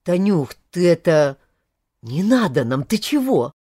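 A woman reading an audiobook, voicing a caring, somewhat awkward young man in a lowered, soft voice. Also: wildly swooping pitch, measured pace, breathy edge, dry recording, studio quality, full character voice. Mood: flustered. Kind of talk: audiobook character voice.

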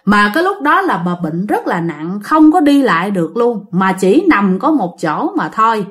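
A woman's voice: mid-range voice, very animated, moderate pace. A woman telling a ghost story in a chatty way, addressing her listeners directly.

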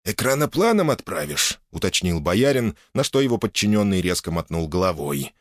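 Low male audiobook narrator, lively up-and-down reading, dry sound. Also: a little fast, no echo. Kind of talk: scripted narration.

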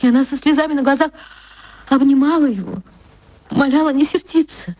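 An actress reads a short story for radio in expressive, dramatic literary narration, drawing out her words. Her female voice is high, and the recording is dry.

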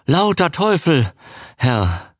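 A man's voice: on the high side, big pitch swings, takes it slowly, no echo, studio quality, voice pushed up, full character voice. A man doing a whimpering, terrified young diver.

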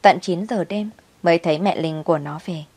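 A woman narrating a family story in a steady, brisk storytelling manner. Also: on the low side, no echo.

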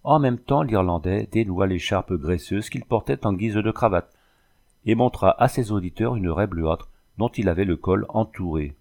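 A man with a low, gravelly voice reads a storybook aloud. He gives the sailors' shouts and the characters' lines their own lift in pitch. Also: moderate pace. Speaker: audiobook narrator. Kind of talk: storybook reading with voiced dialogue.

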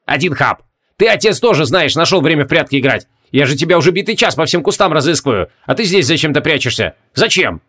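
A carefree, dim-witted young barbarian hero chatters away, repeating himself in a high, bouncy voice, as a man reading an audiobook puts him on. His pitch sits well above the reader's own and swings freely from line to line. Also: lively intonation, fast talker, a bit bright. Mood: cheerful rambling.

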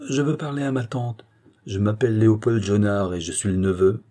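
A man voicing a brash, coarse young farmer nephew who talks rough and rude. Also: on the low side, steady tone, fairly quick, mellow, close to an everyday voice. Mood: belligerent.

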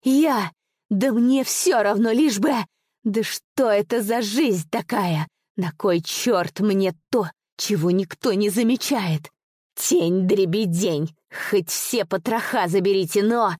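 A woman voicing a vain, cowardly old nobleman who blusters and turns shrill and squeaky. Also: takes it slowly, a little mellow, no room sound, studio quality. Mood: desperate. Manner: shrill, squeaky when frightened.

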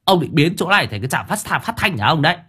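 A man's voice: on the high side, sing-song, normal speed, husky, pitched above the performer's own voice, exaggerated voice. A man voicing a bossy young master who nags and scolds sharply. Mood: scolding. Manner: sharp, nagging, exasperated.

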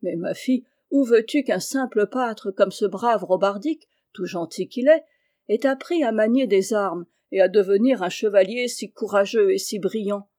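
A woman reading aloud voices an old lord, a soft-hearted father who speaks fondly. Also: medium pitch, moderate pace, close to an everyday voice. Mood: indulgent.

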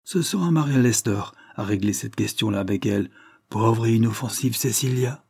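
A man's voice: fairly low pitch, normal speed, vocal fry, darkish tone, husky. A man reading the part of a proud, emotional old English lord in an audiobook, making solemn, heartfelt speeches.

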